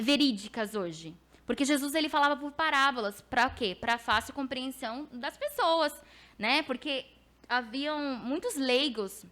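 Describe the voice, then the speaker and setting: Earnest São woman preaching. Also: high voice. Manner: earnest, animated storytelling with quoted dialogue. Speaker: preacher giving a testimony at a church service. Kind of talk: testimony sermon.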